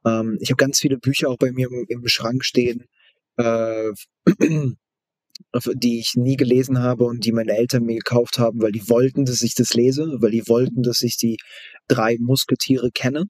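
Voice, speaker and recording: Male expert guest, flat intonation, dry close sound, casual and halting delivery with repeated phrases. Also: mid-range voice, no echo. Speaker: guest expert in book marketing. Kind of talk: casual interview talk.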